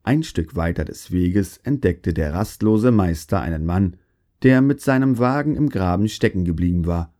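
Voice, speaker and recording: A man telling a fairy tale in a calm, steady manner. His voice is low and mellow, dark in tone. He narrates like a storybook reading. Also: moderate pace.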